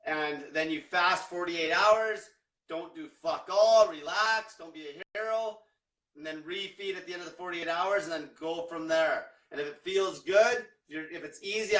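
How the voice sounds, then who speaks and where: Casting: young male diet coach, blunt profane ranter, high voice, echoey room, distant mic. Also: fairly bright tone. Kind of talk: livestream rant.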